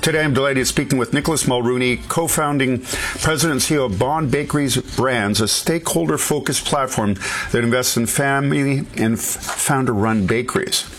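A man's voice: mid-range voice, fairly quick, fairly bright tone. A man hosting an interview as a professor, asking curious follow-up questions.

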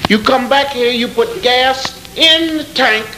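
A man's voice: very high voice, a little slow. A man scolding someone with a string of threatening instructions. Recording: echoey room with loud noise.

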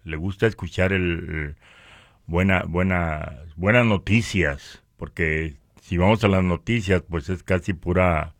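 With a deep voice and a Mexican accent, a man from northern Mexico gives a religious testimony in conversational style. He speaks haltingly, often repeating words. The recording is dry.

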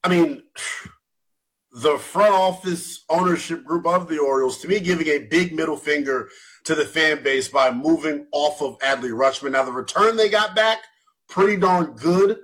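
A man's voice: a little high, normal speed, a bit bright, slightly rough, low-quality recording. A man in his twenties hosting a late-night sports radio show, asking long rambling questions that he corrects as he goes. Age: 20s.

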